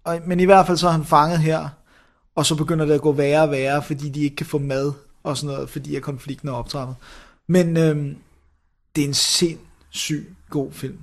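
Co-hosting a laid-back film review show, this man talks eagerly but keeps hesitating, filling gaps and restarting his sentences. His voice sits a little high and stays level in tone.

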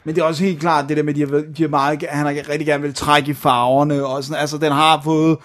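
A man's voice: on the high side, little pitch movement, a bit bright. Enthusiastic man chatting about films. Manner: enthusiastic, slangy, mixes in English phrases. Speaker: podcast co-host. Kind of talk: casual film chat.

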